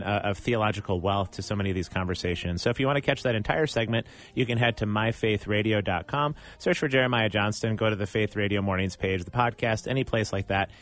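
A man hosting a morning radio show from a studio, talking in an upbeat, smooth way as he promotes segments and interviews a guest. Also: on the low side.

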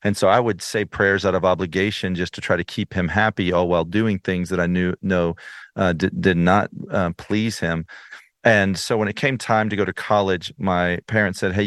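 Deep-voiced man telling his faith story. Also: no echo, clean studio sound. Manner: earnest storytelling with frequent restarts. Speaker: interview guest. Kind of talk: personal testimony in conversation.

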